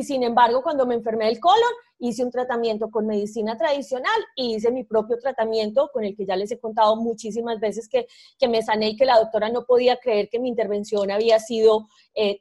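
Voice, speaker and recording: A woman's voice: on the high side, fairly quick. A woman hosting a live online interview over a video call, speaking effusively with many fillers and restarts. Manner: warm, effusive, hesitant with fillers. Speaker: host.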